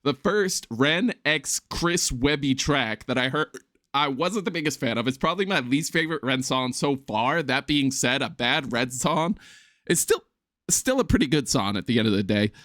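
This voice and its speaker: A man's voice: medium pitch, expressive, normal speed, a bit bright, no echo, clean studio sound. A man hosting a music reaction video, talking casually with filler ums and hiccuping as he goes. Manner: chatty, rambling, with filler ums. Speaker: music reaction channel host.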